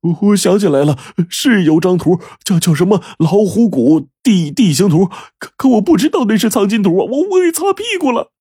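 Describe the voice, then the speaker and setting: A man voicing a cowardly male thug who stammers and begs in a high, frantic voice. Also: very animated, a little fast, few pauses, mellow, slightly rough, no room sound, studio quality, heavily acted. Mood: stammering.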